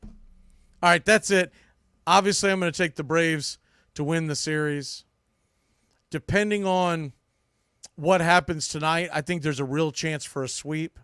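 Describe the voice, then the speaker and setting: This sports podcast host talks a little slowly with long pauses, his fairly high voice clean and fairly bright. His baseball commentary is unscripted, opinionated, blunt and emphatic, full of restarts and repeated phrases, recorded at studio quality without room sound.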